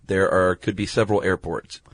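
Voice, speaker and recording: A podcast co-host gives a step-by-step explanation in a casual chat, colloquial, laid-back and slightly hesitant. His voice is low, fairly even in intonation, and brisk.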